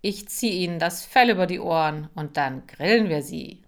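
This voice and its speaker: A woman voicing a loud, crude teenage bully boy. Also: fairly low pitch, expressive, moderate pace, lightly acted. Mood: boastful. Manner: loud, boastful.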